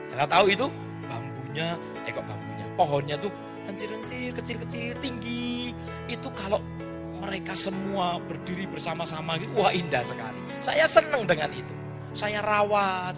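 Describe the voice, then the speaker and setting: A male pastor preaches, his voice sitting high and swinging widely up and down. He tells stories with animation and acts out the scenes. Clear music plays behind him in the church. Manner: animated storytelling, acting out scenes and scolding. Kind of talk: sermon. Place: church service.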